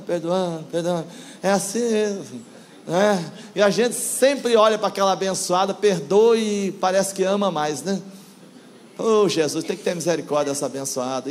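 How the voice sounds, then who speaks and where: High-voiced older preacher. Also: male voice, slight background noise. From Brazil. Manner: conversational, asks the congregation questions, playful. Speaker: guest preacher. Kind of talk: sermon.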